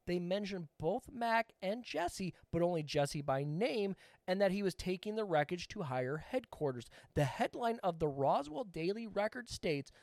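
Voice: medium pitch, lively intonation, moderate pace, darkish tone, no echo, clean studio sound. A podcast co-host telling a story in casual chat, rambling and swearing with laughing asides.

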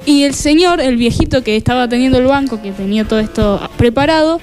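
A woman's voice: high voice, fast, darkish tone, faint music behind. A woman hosting a podcast, telling a story animatedly in casual chat. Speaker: podcast host.

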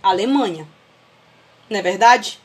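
A woman's voice: medium pitch, lively intonation, normal speed, slightly rough. A woman with a Brazilian accent teaching a history class over a video call, explaining with homely family comparisons and often checking that students follow.

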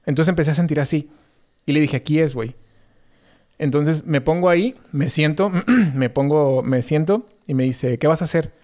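A man's voice: a little high, normal speed, a little mellow. A young man with a Mexican Spanish accent, telling a long story in casual, slangy chat full of fillers. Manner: slangy, rambling, many fillers.

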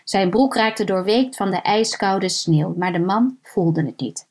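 A woman reads a suspense story aloud at a steady, even pace. Her voice sits in a middle range and stays calm and measured, slowing down at the tense moments. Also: mid-range voice. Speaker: narrator. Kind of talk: scripted narration of a thriller story.

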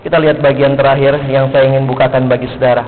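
A middle-aged man preaching a sermon to students, swinging between emphatic high peaks and low, quiet asides. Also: little pitch movement, quick pace, a little hiss or hum. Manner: rises to emphatic peaks and drops low, acts out street characters. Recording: echoey hall, phone-like band.

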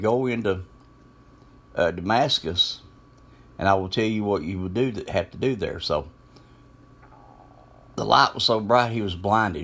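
A man with a fairly low voice gives informal Bible teaching. He quotes verses and retells scripture stories loosely, with restarts and small asides along the way. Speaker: lay preacher.

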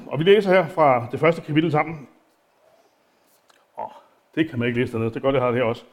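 Chatty Danish-speaking man preaching casually. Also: mid-range voice. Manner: chatty, self-deprecating, many fillers and restarts. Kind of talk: informal sermon with Bible reading. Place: church.

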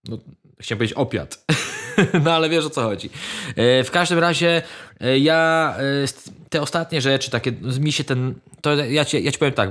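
A man's voice: medium pitch, fairly bright tone. A man in casual chat, rambling with many fillers and restarts, swearing freely and giving blunt opinions.

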